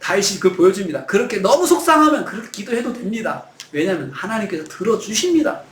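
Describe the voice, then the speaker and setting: A man's voice: sits high, very animated, quick pace, fairly bright tone, reverberant, slight background noise. A man preaching a sermon as pastor, earnest and at times pleading. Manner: earnest, acts out pleading prayers with rising voice. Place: church sanctuary.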